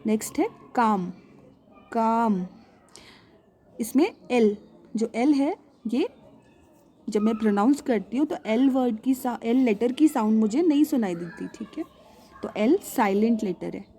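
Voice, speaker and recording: A woman with an Indian English accent teaching a children's English lesson, patiently asking and answering her own questions and repeating words slowly. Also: a little high, animated, mellow. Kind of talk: explaining a primary English lesson.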